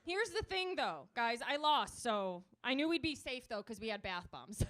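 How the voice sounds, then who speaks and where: On a club stage, a young woman performs a stand-up set, delivering dark, self-deprecating jokes deadpan. Her voice is on the high side, and she speaks at normal speed.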